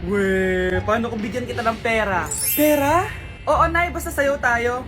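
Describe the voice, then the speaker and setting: A woman's voice: on the high side, measured pace. A woman acting out comedy skits, switching between a mother, her child and other characters. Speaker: comedy skit creator playing several roles. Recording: music playing behind.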